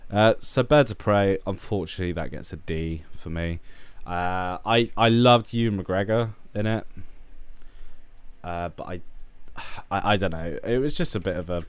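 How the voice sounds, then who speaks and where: A man's voice: sits low, normal speed, clear, resonant tone, no echo. A hungover man from the UK, streaming casual film commentary, blunt and profane as he rambles through his rankings. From United Kingdom.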